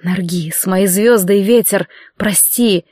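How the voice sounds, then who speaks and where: Woman voicing a soft-spoken sorrowful young suitor. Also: medium pitch, slow, no room sound, studio quality. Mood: tender.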